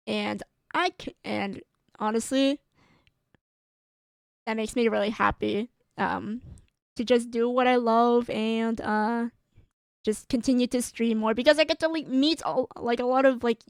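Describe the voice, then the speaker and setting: A giggly woman streamer rambles through her sign-off with a strained, tired voice. Her voice sits fairly high, slow and unhurried, smooth and clear. The sound is close and dry, with no room around it. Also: dry recording. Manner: giggly and rambling, with frequent laughs and fillers. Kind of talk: casual stream sign-off chat.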